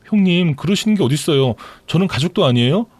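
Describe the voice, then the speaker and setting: A man voicing a desperate, pleading young pregnant woman in a storytelling radio drama, whining and begging in a shrill tone. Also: animated, fast, darkish tone, husky, no echo.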